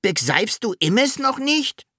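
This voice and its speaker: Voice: medium pitch, expressive, slow, pushed and bright, breathy edge, dry recording, clean studio sound, pitched above the performer's own voice, heavily acted. A narrator voicing a small, puzzled male dragon who swaps his R sounds for S in a storybook reading. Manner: lisping mix-up of R and S sounds.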